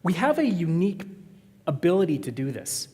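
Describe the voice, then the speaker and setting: Preaching a sermon in church, a pastor keeps things conversational and trades jokes with his congregation. His voice is slightly high for a man, very animated and a little mellow. Every phrase trails off into the sanctuary's long reverb.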